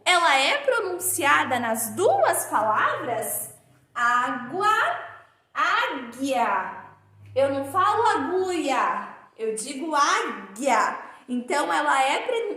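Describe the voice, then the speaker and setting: Brief: woman, primary teacher for a remote lesson, unhurried, drawn-out words, high voice, echoey room. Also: pushed and bright. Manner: slow, drawn-out sounding of words for children; affectionate, calls pupils dear.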